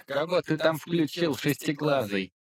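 A man voicing a grumpy, sarcastic male robot with a creaky, grating, squeaky voice, drawing out his mocking lines. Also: expressive. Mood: sneering. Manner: mocking, drawn-out, condescending. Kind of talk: audiobook narration with character voices.

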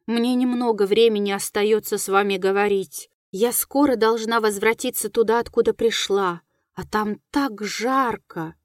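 A plaintive, mocking ghost of a young lady in an audiobook, read out by a woman. She speaks softly and sadly, at an ordinary pitch. The recording is dry and close. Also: moderate pace, dry recording, natural voice.

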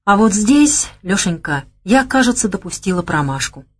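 A woman's voice: moderate pace, breathy edge. Lady reader doing a coy teasing young gal, sly and stubborn, voice bounces around a lot. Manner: teasing, coy, high and lively.

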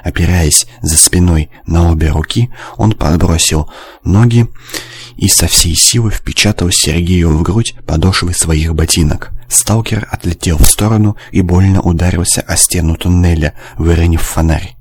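A man narrating an audiobook in a steady, measured reading. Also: sits low. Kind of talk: scripted narration.

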